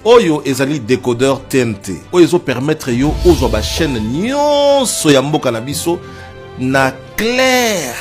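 A man giving an emphatic, lively sales pitch styled as a news bulletin. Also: a little slow, soft background music. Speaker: advertisement presenter.

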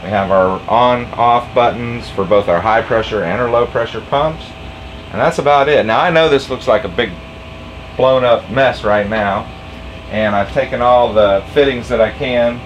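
A man in his forties, a DIY tinkerer who owns a boat, explains a homemade project one step at a time in conversational fashion, fillers included. He speaks at an ordinary pace and medium pitch indoors in his cluttered workshop. The rough recording, from a camera mic several feet off, carries a little background noise.

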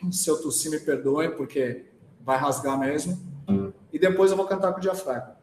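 High-voiced Brazilian man in a roomy echo. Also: moderate pace, over loud music. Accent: Brazilian Portuguese. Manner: chatty, often tags sentences with "né?". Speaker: voice teacher and singer. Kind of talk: live-streamed talk on singing.

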